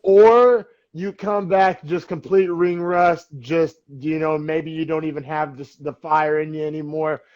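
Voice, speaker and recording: A man's voice: a little high, fairly even intonation, measured pace, few pauses, a little mellow, muffled recording. A young man co-hosting a sports podcast, talking in a loose, rambling way with lots of fillers. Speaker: podcast co-host. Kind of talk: casual sports chat.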